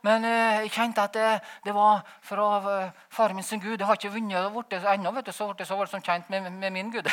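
A man giving a rambling, animated personal testimony, laughing as he tells it. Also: high voice, hardly any pauses. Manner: animated, rambling, frequent "vet du" tag; laughs while telling. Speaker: testimony speaker.

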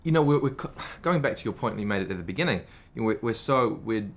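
A man's voice: on the low side, expressive, fast talker, vocal fry. A man speaking as a guest in a casual podcast conversation about medical research, thoughtful and full of "you know" fillers.

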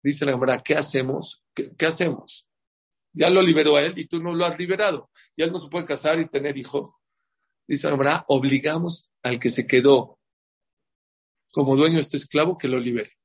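Gravelly man teaching a religious lesson. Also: on the high side, moderate pace, highs cut off. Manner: lively, asks the audience rhetorical questions. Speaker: rabbi teaching a Torah class.

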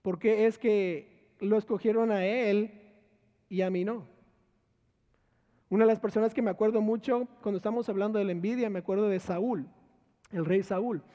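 A man's voice: high voice, dark tone. A man preaching a sermon as pastor, asking his listeners repeated rhetorical questions and repeating key words. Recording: echoey hall, dull lo-fi sound.

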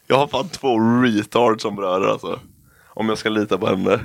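A young man hosting a casual podcast chat, a lively storyteller who swears freely and laughs often. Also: on the low side, vocal fry, no echo, studio quality. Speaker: podcast host.

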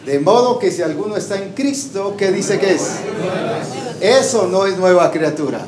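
In a church hall, a man with a high-pitched, animated voice preaches a sermon at a moderate pace, often asking the congregation questions and waiting for them to answer. The echoey hall carries crowd noise and faint background sound.

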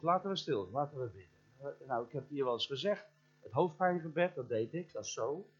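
Middle-aged male preacher, animated storyteller who addresses the congregation and mimics sounds, dull lo-fi church recording. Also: on the high side, breathy edge. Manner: imitates sounds and voices in his story. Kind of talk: storytelling sermon.

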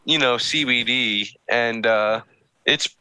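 A man from North Carolina talks as a guest in a loose interview. His voice is bright and forceful at a middle pitch, and he rambles with plenty of fillers and frequent laughs. The sound is close and dry. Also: takes it slowly, clear, resonant tone, no echo, low-quality recording. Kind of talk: casual interview chat.

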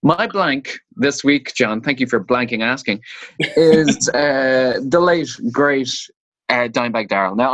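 Joking male podcast co-host. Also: mid-range voice. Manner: joking, animated, many restarts. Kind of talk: casual chat.

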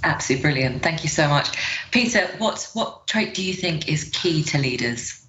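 Low-voiced woman hosting an interview. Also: expressive, moderate pace, fairly bright tone. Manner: polite, appreciative. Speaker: host. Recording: dull lo-fi audio.

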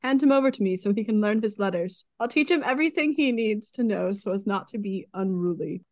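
A woman's voice: medium pitch, lively intonation, fairly quick, a little mellow, dry recording, rough recording. A woman co-hosting a casual podcast, reading old text passages aloud and adding dry asides. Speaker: podcast co-host reading the story.

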